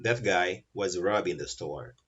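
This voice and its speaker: Male Brazilian teacher, patient step-by-step explainer, lowish voice, muffled recording. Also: slow, a bit bright, breathy edge. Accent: Brazilian Portuguese. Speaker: English teacher. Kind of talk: recorded grammar lesson.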